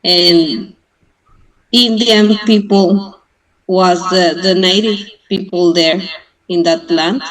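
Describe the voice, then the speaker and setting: Woman, Mexican Spanish accent, slow, halting speech, lots of uh and restarts, video call. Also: on the low side, fairly even intonation, rough recording. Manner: hesitant, many fillers and restarts. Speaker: club member. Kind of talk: casual online conversation.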